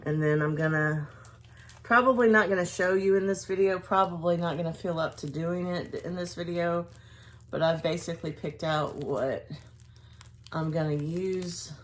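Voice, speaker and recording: A woman's voice: lowish voice, a little slow, long pauses, slight background noise. A woman chatting casually to camera as a vlogger, in a hesitant, rambling way that trails off.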